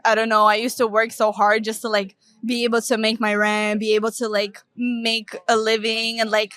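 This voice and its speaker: A woman's voice: a little high, completely flat delivery, normal speed, a bit bright, smooth, no echo. A young woman from Russia chatting casually outdoors in a park, saying "like" a lot and often laughing. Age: young adult. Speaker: interviewee. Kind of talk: casual chat.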